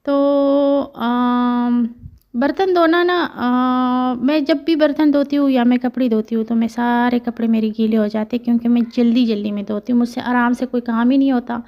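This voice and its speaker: A woman's voice: a little high, fairly even intonation, moderate pace, dull audio. A woman in her thirties with a Pakistani Urdu accent, chatting casually through her household chores as a family vlogger, rambling with many fillers.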